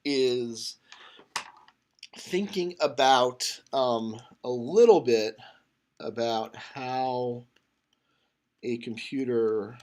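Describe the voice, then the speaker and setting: A man's voice: medium pitch, extremely slow, long pauses, a little mellow. A man teaching a computer science class, talking casually with many fillers and restarts as he thinks aloud. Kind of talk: lecture.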